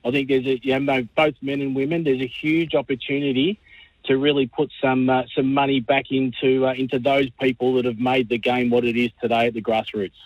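An Australian man phones in with a halting delivery. His mid-pitched voice stays very flat. The line is dull and lo-fi, with no room sound. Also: no room sound. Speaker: talkback radio caller.

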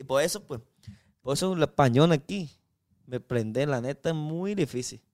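A man's voice: fairly high pitch, expressive, moderate pace, a little mellow. A young Chinese man chatting as a guest in broken, slangy Spanish full of restarts. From China. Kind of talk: casual interview chat.

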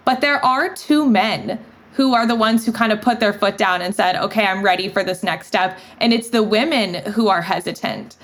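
A woman's voice: mid-range voice, moderate pace. A woman as a podcast guest, chatting casually and sharing frank opinions with easy laughs. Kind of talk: casual chat.

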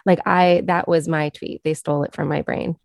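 Low, creaky-voiced American woman journalist. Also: fairly even intonation, normal speed, darkish tone, no echo, clean studio sound. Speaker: journalist, interview guest. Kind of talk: casual, conversational explaining.

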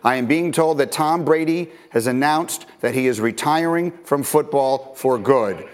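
A man hosting a live sports talk show, brisk and steering the conversation. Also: medium pitch.

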